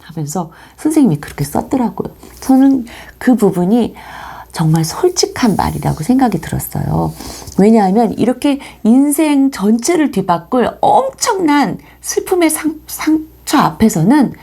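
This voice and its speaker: Animated gravelly woman teaching children. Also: fairly high pitch, moderate pace. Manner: animated storytelling, acting out anguished cries. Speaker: Sunday school teacher. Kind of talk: children's devotional Bible lesson.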